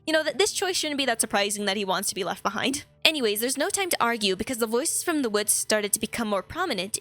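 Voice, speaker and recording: A video host with a slightly high, pushed, bright voice recaps a story. Her telling is scripted yet casual, sprinkled with chatty, conversational commentary.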